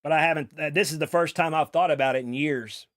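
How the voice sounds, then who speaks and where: A young man tells a long, rambling story while he streams a game. He swears casually and stumbles over repeated words. His voice is a little higher than most men's, and the sound is dry and close, with no room echo. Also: fast.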